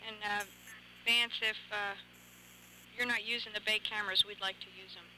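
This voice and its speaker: A woman working as a mission control communicator, brisk and businesslike in procedural calls over two-way radio. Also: medium pitch, fairly even intonation. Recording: noisy space radio link with beeps.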